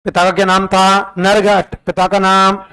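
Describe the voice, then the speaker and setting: A man's voice: sits high, completely flat delivery, moderate pace, pushed and bright, clear, resonant tone, rough recording. A man teaching history, drilling facts through repeated questions and sing-song counting in call-and-response revision.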